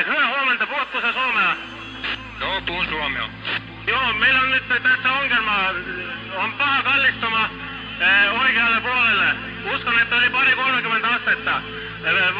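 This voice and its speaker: A ship's radio operator, a man, making clipped calls with hesitations over a marine radio transmission. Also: high voice. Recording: lo-fi radio with music behind. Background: music.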